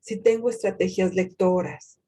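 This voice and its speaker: A woman giving a university lecture in a deliberate way, posing rhetorical questions to herself and pausing often with hesitations. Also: lowish voice, fairly even intonation, warm tone. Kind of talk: recorded lecture on reading comprehension.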